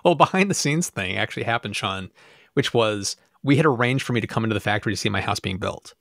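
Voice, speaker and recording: A man in his forties co-hosting a podcast, recounting things with enthusiasm and easy laughter into a boom mic. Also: animated, quick pace, a bit bright, no echo, clean studio sound. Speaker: podcast co-host, YouTube creator. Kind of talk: casual chat. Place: room with teal backdrop. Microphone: boom mic on arm.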